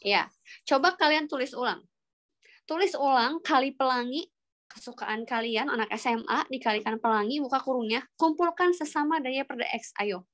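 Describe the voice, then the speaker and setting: A woman's voice: sits high, moderate pace, fairly bright tone. Patient woman lecturer on a call. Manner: patient, prompting students with questions. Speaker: math lecturer. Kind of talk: online calculus lesson.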